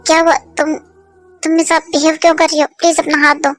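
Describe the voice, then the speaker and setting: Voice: high voice, level tone, fast, dry recording, studio quality, lightly acted. A young performer voicing a desperate young man who stammers as he pleads with the woman he loves. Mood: pleading. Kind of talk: Hindi fan dub drama. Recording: music playing underneath.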